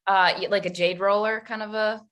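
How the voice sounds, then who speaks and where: A woman's voice: medium pitch, fairly even intonation, brisk, fairly bright tone, muffled recording. A woman hosting a podcast interview, asking easygoing questions with many fillers. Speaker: podcast host. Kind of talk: casual interview chat.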